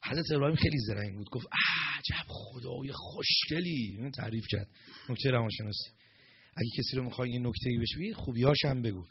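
A man giving a storytelling sermon as a preacher, animated and acting out the characters' lines in dialogue. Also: medium pitch, slightly rough, no echo, muffled recording.

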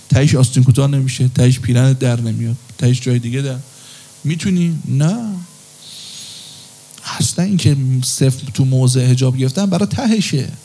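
Brief: male preacher, mellow tone, fairly high voice, chatty sermon delivery. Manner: conversational, sometimes chants a line in a sung tone.

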